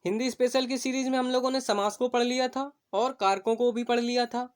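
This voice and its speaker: A woman teaching an exam-prep Hindi grammar lecture. She explains step by step, keeps checking in with her students, and slows down to spell out her examples. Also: on the high side, steady tone, smooth.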